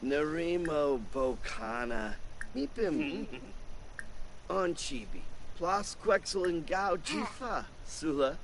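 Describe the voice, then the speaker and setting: A man's voice: a little high, expressive, noisy background. A man on a live game stream, reading out strings of made-up silly names in a playful, giggly way. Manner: playful, giggly, drawn-out nonsense words.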